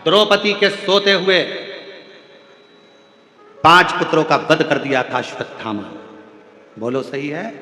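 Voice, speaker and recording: Man preaching to a crowd in an echoey hall. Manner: sing-song preaching, voice swings from loud exclamations to soft low passages; asks the crowd questions. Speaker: religious storyteller. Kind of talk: devotional sermon. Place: large venue with audience. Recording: echoey hall with faint music.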